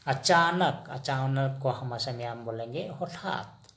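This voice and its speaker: A man teaching vocabulary in a slow lesson, asking the listener each word and then repeating the answer. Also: medium pitch, fairly bright tone. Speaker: language teacher.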